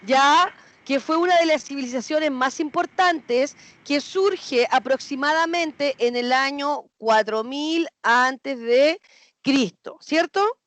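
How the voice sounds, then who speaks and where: A woman's voice: high voice, takes it slowly, fairly bright tone, dry recording. A woman teaching a history class, asking questions, repeating students' answers and checking that they follow.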